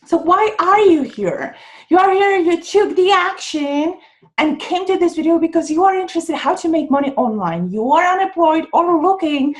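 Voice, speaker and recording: Upbeat Czech-accented woman with a high voice. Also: animated, moderate pace. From Czech Republic. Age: 30s. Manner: upbeat, emphatic, pitch jumping on key words. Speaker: online business coach. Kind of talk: enthusiastic sales pitch over slides.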